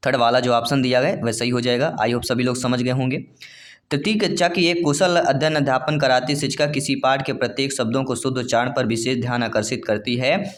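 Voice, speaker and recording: Calling his viewers his dear friends, a man with a mid-range voice teaches an exam-prep session, reading out each question and then breaking it down.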